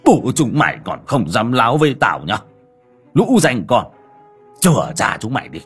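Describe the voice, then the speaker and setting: A man voicing a stingy, hot-tempered old coal porter who shouts, curses and stammers. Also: deep voice, animated, moderate pace, breathy edge, soft background music, full character voice. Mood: swaggering.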